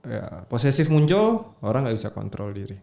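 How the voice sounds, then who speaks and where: A man's voice: mid-range voice, big pitch swings, normal speed, creaky, dark tone. A man hosts a podcast discussion in a mid-range voice, leading the panel with questions and drawing out key phrases for emphasis. The room around him sounds noticeably echoey. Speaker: podcast host. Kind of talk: hosting a true-crime discussion.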